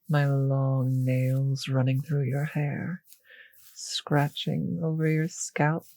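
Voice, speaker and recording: A woman takes the role of a possessive vampire mistress who teases in an intimate roleplay drama, her low, warm, breathy voice slow, condescending, and often falling to a whisper. The heavily acted delivery feels tender yet condescending, captured with no room sound on a low-quality recording.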